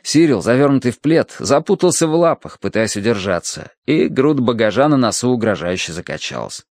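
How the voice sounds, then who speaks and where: Animated male audiobook narrator. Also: medium pitch, fairly quick, no room sound, studio quality. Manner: lively, expressive comic storytelling. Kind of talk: scripted narration.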